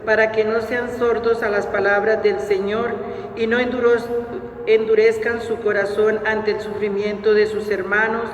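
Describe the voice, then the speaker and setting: A man with a high voice leads the prayers of the faithful in a slow, even recitation that hardly rises or falls. He sounds far from the mic, wrapped in a long cathedral echo, with faint noise underneath. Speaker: lector reading the prayers of the faithful. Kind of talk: liturgical reading at Mass. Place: large church during Mass. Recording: echoey church hall from far off, faint noise.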